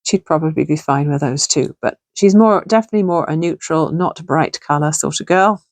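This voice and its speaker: Working in her home sewing room, a middle-aged crafting host chats a little fast through a casual tutorial, thinking out loud as she goes. Her fairly low voice has a gravelly, slightly hoarse quality, and the close, dry sound has no room ambience.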